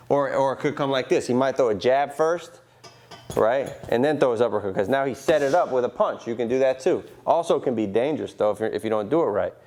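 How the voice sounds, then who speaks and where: A man coaching boxing drills hands-on, talking informally and repetitively with "right?" tags and punctuating his instructions with vocal punch sounds. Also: darkish tone. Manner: punctuates talk with vocal punch sounds like whoop, bang, boom; repetitive, informal phrasing with frequent 'right?' tags. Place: boxing gym. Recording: clear background noise in a gym.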